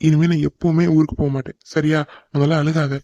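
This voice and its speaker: A man voicing a teasing older brother in a cartoon family, calm and brotherly with the youngest sibling. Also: a little high, brisk, dry recording, highs cut off, lightly acted. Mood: soothing. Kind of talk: cartoon voice acting.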